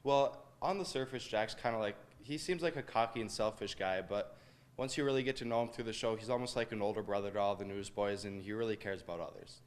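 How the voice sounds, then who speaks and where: A teenage student actor being interviewed, answering casually and hesitantly with fillers. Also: male voice, lowish voice, quick pace. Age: teens.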